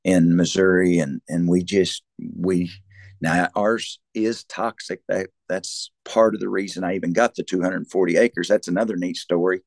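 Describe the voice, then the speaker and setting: A man with a low, creaky voice and a country Southern American accent. He talks like a rancher explaining his work, rambling and doubling back on his words. The sound is close and dry. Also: steady tone, normal speed, no room sound. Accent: Southern US rural. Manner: folksy, rambling, repeats words and restarts often. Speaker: cattle rancher, interview guest. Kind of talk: conversational explanation.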